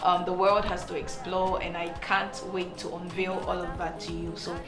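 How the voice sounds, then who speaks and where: A woman's voice: lowish voice, little pitch movement, normal speed. A woman from Cameroon, a singer talking earnestly about her career, often restarting and repeating words. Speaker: singer and songwriter. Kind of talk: to-camera interview talk. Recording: echoey room with music underneath.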